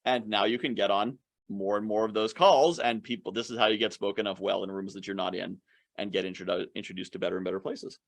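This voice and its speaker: A man's voice: on the low side, fairly even intonation, fast talker, gravelly. A man giving an online summit presentation on networking, talking casually and acting out quoted conversations. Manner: conversational, acts out quoted dialogue. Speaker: speaker on networking.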